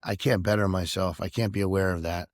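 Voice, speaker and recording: A man co-hosting a podcast, talking candidly and emotionally about his own past behavior, halting and self-reflective. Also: low-pitched, fairly even intonation, no room sound, studio quality. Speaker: podcast co-host. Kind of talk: candid personal conversation.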